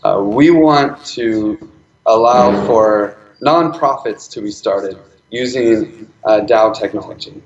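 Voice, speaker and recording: A man giving a live talk about his nonprofit project. He speaks quickly, with many fillers and restarts. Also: fairly low pitch, a little hiss or hum. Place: event hall. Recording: echoey room, slightly dull sound.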